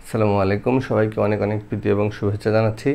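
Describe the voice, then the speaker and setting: A male primary school teacher from Bangladesh, explaining Bangla spelling rules in a conversational way, repeating example words slowly and asking rhetorical questions. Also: lowish voice, little pitch movement, gravelly.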